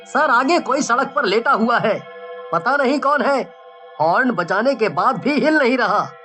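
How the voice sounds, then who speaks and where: A nervous driver, as a woman puts him on in a cartoon horror tale, reporting uneasily in a high, bright voice from a little distance. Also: expressive, unhurried, faint music behind. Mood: uneasy.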